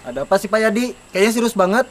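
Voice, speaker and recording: A performer voicing a curious, puzzled young villager in an animated parody. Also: medium pitch, fast, natural voice.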